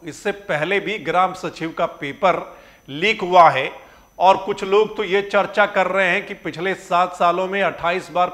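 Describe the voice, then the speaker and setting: Guy with a tinge doing a news commentary, high bright voice, keeps firing questions. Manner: questioning, emphatic, rhetorical. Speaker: news reporter presenting a report.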